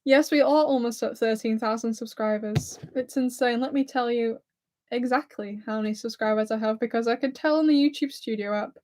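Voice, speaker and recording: She talks briskly in a darkish voice on the high side. Hosting a YouTube livestream, this twenty-something woman from near Blackpool, England, with a Lancashire-Scouse accent, chats nervously and giggles while reading comments.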